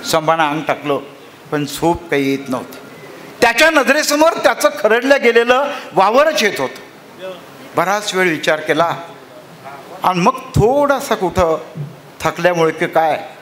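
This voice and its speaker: A man's voice: fairly high pitch, animated, a little slow, pauses often, fairly bright tone, a little hiss or hum. A man telling a rural story dramatically at a literary conference.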